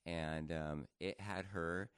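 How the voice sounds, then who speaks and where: Very deep-voiced nasal man. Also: steady tone, slow, clear, resonant tone, no echo, clean studio sound. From northern Idaho, USA. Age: adult, married. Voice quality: a little nasal. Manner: enunciates carefully. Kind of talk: casual chat.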